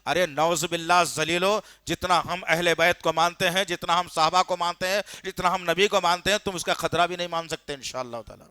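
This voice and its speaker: A man's voice: sits high, steady tone, hardly any pauses, bright, forceful tone, clear, resonant tone, no room sound, studio quality. A man preaching a sermon. He tells the story with fervour and indignation, and he puts questions straight to his listeners. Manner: storytelling, questions the audience directly; fervent, indignant.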